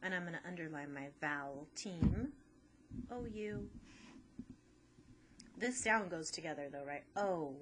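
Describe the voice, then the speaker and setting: A woman's voice: on the low side, lively intonation, measured pace, long pauses, very noisy. A woman teacher patiently walking through a phonics lesson step by step.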